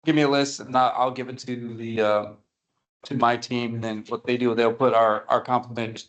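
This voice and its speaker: A man leads a community committee meeting in a meeting room. He speaks casually at an ordinary pitch, stopping and restarting his sentences and repeating words. His explanations wander a little. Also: flat delivery, normal speed. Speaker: committee organizer.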